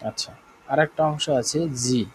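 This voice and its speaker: A man with a Bangladeshi Bengali accent teaching a live online German class, explaining slowly, repeating himself and often checking that students follow. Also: medium pitch, steady tone, slight background noise, poor audio.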